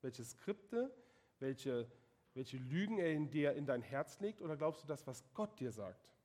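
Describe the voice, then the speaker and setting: A man's voice: on the high side, very animated, a little slow, a little mellow. A man preaching a sermon, emphatic and asking the congregation direct questions.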